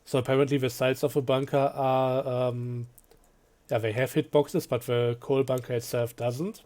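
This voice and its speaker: A man's voice: mid-range voice, little pitch movement, normal speed, mellow. A man giving a casual, offhand review of a video game, talking through it with frequent fillers and dry asides.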